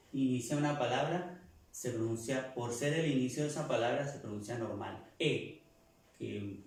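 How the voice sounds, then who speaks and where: A man leads a language lesson at an unhurried pace, saying each word several times so listeners can copy it. His voice sits at a middle pitch and rings in a very echoey room. He sounds set back from the microphone. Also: recorded from a distance. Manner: slow, repeats words to drill pronunciation. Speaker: teacher.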